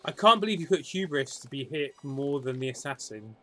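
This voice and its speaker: A man's voice: mid-range voice, animated, fairly bright tone. Teasing man co-hosting. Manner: teasing, quick to interrupt with questions. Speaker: co-host. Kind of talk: casual chat over game replay.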